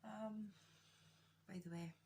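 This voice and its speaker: An Irish beauty vlogger chats casually through a makeup tutorial, candid and self-deprecating, cracking jokes and swearing a little. Her voice is medium-pitched and dark-toned, with fairly even intonation and a slow pace. A faint hiss or hum sits underneath.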